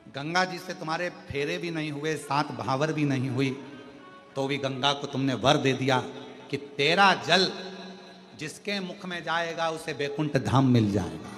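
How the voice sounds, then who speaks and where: A man voicing a humble male demon who pleads softly to a god, in an echoey hall with music behind. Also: measured pace. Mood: hushed. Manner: low, hushed, imploring.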